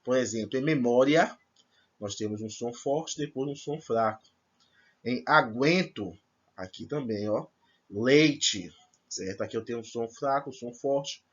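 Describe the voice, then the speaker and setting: Guy teaching a class, kinda husky voice, keeps checking "right?", muffled lo-fi audio. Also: mid-range voice, unhurried. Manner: explains step by step, checks in with "certo?" and "tá bom?". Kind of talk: recorded remote class lesson.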